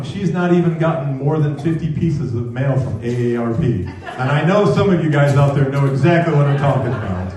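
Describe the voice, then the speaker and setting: Older guy doing standup in a comedy club, mellow voice, echoey room, heard from a ways off. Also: mid-range voice, distant mic. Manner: wry storytelling with punchline pauses. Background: audience laughter.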